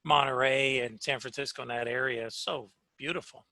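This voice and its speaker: Middle-aged male guest, very bright and crisp voice, dry close sound, rambling and friendly. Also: mid-range voice, fairly even intonation, fairly quick, no room sound. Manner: warm, rambling, with frequent fillers and affirmations. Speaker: podcast guest. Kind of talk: casual reminiscing chat.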